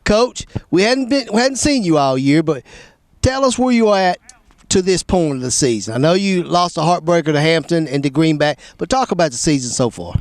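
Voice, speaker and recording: A man hosting a high school sports TV show, friendly and easygoing as he sets up an interview. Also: animated, fairly quick, no echo. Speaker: host.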